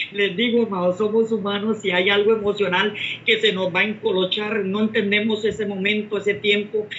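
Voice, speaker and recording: A man's voice: high-pitched, a bit bright, slight background noise. A man earnestly sharing a personal testimony in a Bible class, speaking to fellow believers. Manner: earnest, addresses listeners as brothers. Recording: muffled lo-fi recording.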